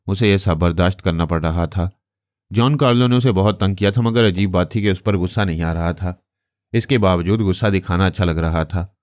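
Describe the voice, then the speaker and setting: Male audiobook narrator, very deep voice, measured delivery, dry close sound. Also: no echo. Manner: steady, measured storytelling. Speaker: storyteller.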